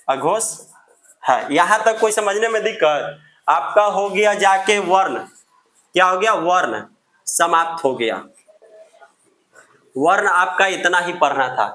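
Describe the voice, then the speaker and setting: A man teaches a grammar lesson, drilling each term over and over. His voice sits high and sounds bright and sharp. The room around him is roomy and echoey. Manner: answers his own questions in a student's voice; repeats and drills the terms.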